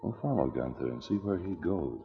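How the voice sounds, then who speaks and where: A man's voice: extremely low pitch, lively intonation, brisk. A man playing a brave Mountie sergeant, firm and commanding, in an old radio adventure recording. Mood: determined. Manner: firm, authoritative. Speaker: radio drama actor. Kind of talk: 1950s radio adventure acting. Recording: muffled old radio transcription.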